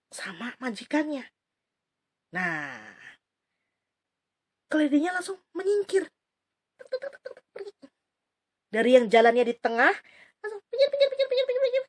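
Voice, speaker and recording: A woman's voice: a little high, breathy edge. A woman teaching Sunday school, telling a Bible story to children with sound effects and chatty asides.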